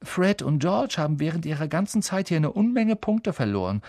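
A man's voice: a little high, big pitch swings, moderate pace, a little mellow, no room sound, studio quality, pitched above the performer's own voice. A man doing a reassuring schoolboy friend.

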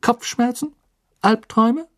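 A man voicing a pompous, stubborn male minister who shouts indignantly. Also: extremely high pitch, a little slow, no room sound, studio quality, pitched above the performer's own voice.

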